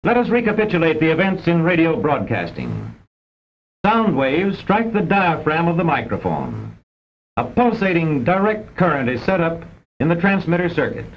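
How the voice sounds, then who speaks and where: On a dull, rumbling vintage soundtrack, a man narrates an old educational film with huge pitch swings at a moderate pace. His scripted reading is formal, precise and didactic.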